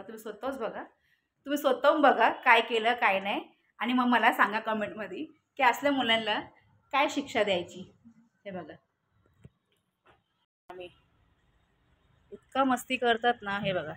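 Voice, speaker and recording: A woman's voice: a little high, fairly bright tone. A young woman vlogging at home, scolding her children and questioning them about the mess they made. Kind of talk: casual home vlog. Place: home, balcony.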